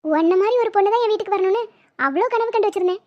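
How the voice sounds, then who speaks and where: A woman's voice: very high voice, rapid-fire. A woman voicing a disappointed middle-aged mother in a cartoon drama, talking in a fond, lamenting way. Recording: dull lo-fi.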